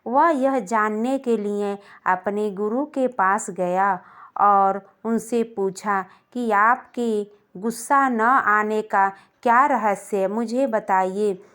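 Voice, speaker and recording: A woman narrating a scripted moral story in a calm, gentle manner. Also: medium pitch, slow pace, smooth. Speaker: storyteller of moral stories for a channel.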